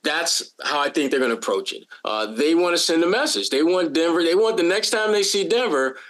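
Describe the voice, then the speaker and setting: A man co-hosts a sports podcast, his voice sitting a bit high for a man. He talks in a loose, animated chat style, jumping in with playful bits and frequent restarts. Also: fairly quick. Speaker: podcast co-host.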